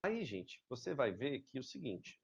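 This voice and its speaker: A man teaching English grammar in a recorded lesson. He explains step by step and keeps checking that students follow with quick "right?" tags. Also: medium pitch, big pitch swings, vocal fry, breathy edge. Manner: explains slowly, often checks with "certo?" and "tá?". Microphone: webcam video lesson. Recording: slightly dull lo-fi sound.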